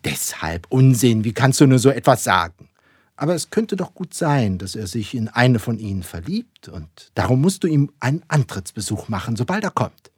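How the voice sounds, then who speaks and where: A man voicing a fussy, excitable middle-aged mother who is set on marrying off her daughters, impatient and pushy. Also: medium pitch, moderate pace, breathy edge, no echo, clean studio sound. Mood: insistent.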